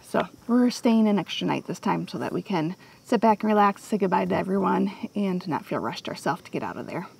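A woman's voice: on the low side, expressive, fairly quick, vocal fry, a little mellow, slight background noise. A woman co-hosting a casual travel vlog. She laughs easily, teases, and finishes her partner's sentences. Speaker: vlog co-host.

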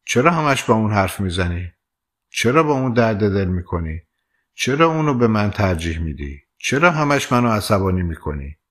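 A man's voice: lowish voice, sing-song, fairly bright tone. A man voicing an earnest young foreign man who is jealous and tender, speaking plaintively in an audiobook.

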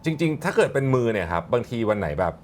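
A man's voice: medium pitch, very animated, rapid-fire, slight background noise. A man giving casual, reassuring instructions as a coach, often repeating his phrases. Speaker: ice bath coach. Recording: background music under the voice. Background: music.

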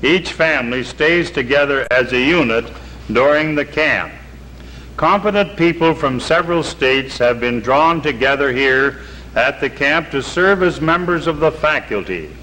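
In a 1950s TV broadcast, a middle-aged camp spokesman sits on camera by a lake outdoors, reading a prepared statement from papers before shifting to documentary narration. Though measured, earnest and formal, his voice is on the high side, animated, bright and forceful. The rough old recording has a faint hiss.

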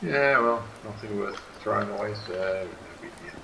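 A man's voice: on the low side, normal speed, vocal fry, echoey room, noisy background. A man giving casual gameplay commentary, muttering and grumbling dryly to himself.

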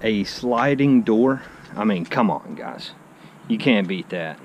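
Filmed on a handheld action camera, this car channel host wanders a driveway next to a garage, talking in a fairly low, expressive voice at a slow pace. He's chatty and enthusiastic, leaning on "I mean" often, with faint outdoor sound in the background.

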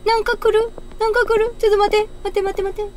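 A woman's voice: very high voice, flat delivery, very fast. A woman with a Kagoshima accent giving chatty live-stream commentary on a horror game, nervously repeating her words. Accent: Kagoshima, Japan. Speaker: streamer, video game player. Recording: clearly noisy stream audio.

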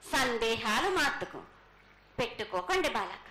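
High, echoing woman's prophetic trance voice. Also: animated, unhurried. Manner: prophetic trance voice, commanding, speaking as the goddess in short repeated phrases. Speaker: oracle at a temple festival. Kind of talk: prophetic trance oracle address. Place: crowded temple hall. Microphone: handheld microphones held close to her mouth. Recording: echoey live PA with some noise.

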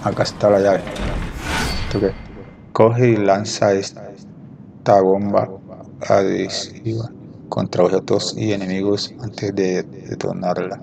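A man's voice: lowish voice, level tone, slow, gravelly, pauses often, background noise. A young man, commenting casually on his gameplay from a small room at home, muttering to himself, swearing and asking puzzled questions. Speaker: gameplay streamer. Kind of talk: casual let's-play commentary. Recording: loud game sound behind voice.

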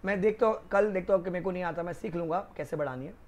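Chatty high-voiced Rajasthani Hindi lecturer. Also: male voice, very fast, a little mellow. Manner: chatty, joking, addresses students as kids. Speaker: law lecturer for accountancy students. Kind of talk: casual classroom lecture with stories. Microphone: new microphone.

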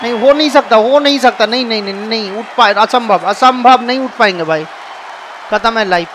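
Excitable high-voiced male game commentator. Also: fairly quick. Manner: excitable, shouts often, calls people bhai. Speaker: gameplay commentator. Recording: noisy background with crowd sounds. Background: video game arena crowd and noise.

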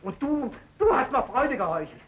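A jealous young suitor in a 1939 film drama. He speaks in a sharp, sarcastic, accusing way, bitter at being deceived. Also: very high voice, sing-song, normal speed, slight background noise, heavily acted, rough recording.

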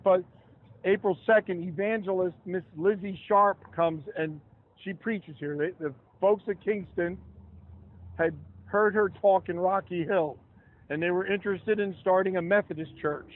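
An older man leading an outdoor history walking tour, chatty and given to asides, reading from his notes by a roadside. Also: high-pitched. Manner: chatty, asides and restarts while reading from papers. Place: roadside sidewalk outdoors beside traffic. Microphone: camera held close in the crowd. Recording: tinny phone-like outdoor audio.

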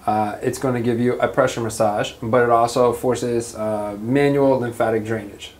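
A man's voice: mid-range voice, steady tone, moderate pace, darkish tone. A man from the spa staff, explaining how each treatment works in a plain, instructive way.

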